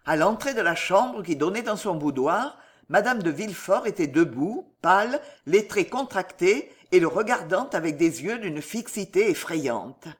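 An expressive audiobook narrator with a mid-pitched voice that rises and falls a great deal. The reading is dramatic and slows down at tense moments, giving weight to each line. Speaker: audiobook reader.

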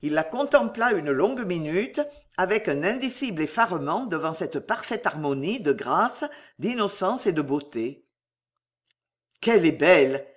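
A narrator giving a dramatic, expressive reading of a classic novel. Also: medium pitch, moderate pace.

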